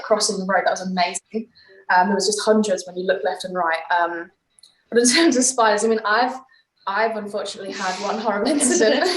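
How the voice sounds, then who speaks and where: A woman's voice: mid-range voice, echoey room, rough recording. A young woman with an East Midlands English accent chatting over a video call, laughing often with many ums. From England, East Midlands. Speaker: footballer, guest. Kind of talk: casual chat on a video call.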